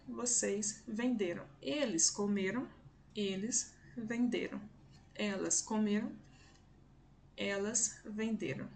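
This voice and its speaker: A woman teaching a language class to learners, slow and carefully enunciated, repeating words to model pronunciation. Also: mid-range voice, creaky, slight background noise.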